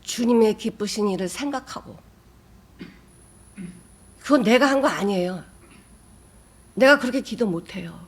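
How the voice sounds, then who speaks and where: A woman's voice: lively intonation, unhurried, long pauses, breathy edge. Emphatic woman pastor preaching. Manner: emphatic, with sudden rises in pitch and loudness; drops to soft, near-whispered asides. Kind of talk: sermon.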